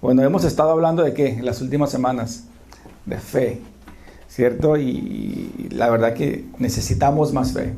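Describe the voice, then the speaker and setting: Mellow-voiced preacher chatting with a congregation. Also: mid-range voice, sing-song, vocal fry, a little hiss or hum. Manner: informal, checks in with the congregation with quick questions; restarts and corrects phrases while talking. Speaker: pastor. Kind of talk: conversational sermon. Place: church sanctuary before a congregation.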